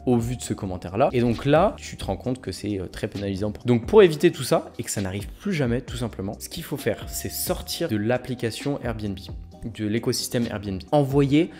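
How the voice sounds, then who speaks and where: Energetic young man, dark mellow voice. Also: medium pitch, a little fast, soft background music. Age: 20s. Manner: energetic, addresses viewer informally. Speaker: real estate youtuber. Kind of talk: direct-to-camera advice vlog.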